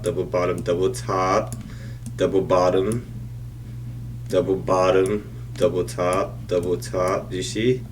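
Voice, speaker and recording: A man reviewing his trades over a chart, thinking aloud in a casual walkthrough with restarts and the odd throat clearing. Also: sits low, slight background noise. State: has the hiccups.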